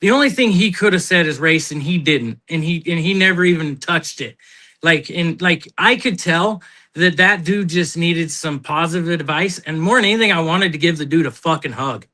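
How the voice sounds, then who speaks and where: A man's voice: fairly high pitch, moderate pace. A man telling stories in casual chat on a live talk show, blunt and swearing freely. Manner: blunt, animated storyteller who swears.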